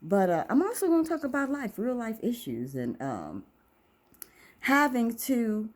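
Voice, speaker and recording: A woman's voice: fairly high pitch, big pitch swings, measured pace. A woman in her fifties who hosts her own channel and talks in a casual, rambling, faith-centered monologue to camera. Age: 50s. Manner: talkative, wandering, faith-centered, musing. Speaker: vlogger, channel host.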